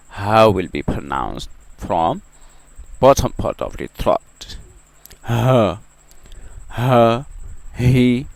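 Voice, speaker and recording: Slow, patient male tajweed teacher. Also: lowish voice, gravelly, no echo. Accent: Urdu. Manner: drawn-out syllable demonstrations, repeats "ठीक है" often. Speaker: Quran recitation teacher.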